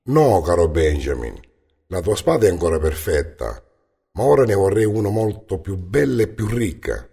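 A man voicing a courteous, grand royal general with a gravelly, husky voice in a storybook. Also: deep voice, big pitch swings, normal speed, warm tone, long reverb tail, exaggerated voice. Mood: warm.

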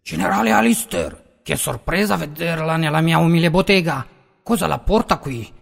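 A man voicing an honest, anxious old grandfather craftsman with a creaky voice in a storybook. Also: fairly high pitch, animated, moderate pace, fairly bright tone, big-room sound, voice pushed up, heavily acted. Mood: surprised. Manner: fretful and pleading.

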